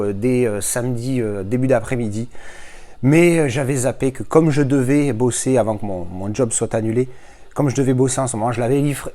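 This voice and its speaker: A man with a medium-pitched, darkish voice hosts a video unboxing a film edition. His commentary is casual, chatty and hesitant, full of fillers and restarts.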